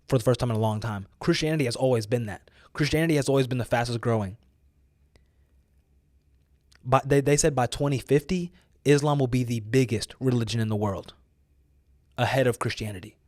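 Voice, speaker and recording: A mid-range, darkish voice talks fairly quickly but pauses often as an American man delivers informal motivational preaching. He's exhortative and emphatic, repeats phrases for effect, and uses youthful slang, in a studio-quality recording with no echo.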